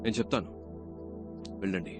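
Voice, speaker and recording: A man's voice: low voice, brisk, close to an everyday voice. A man dubbing a stern male officer who fires clipped, commanding questions at candidates. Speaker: interviewer in a film scene. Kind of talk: dubbed film dialogue. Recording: dub with background music.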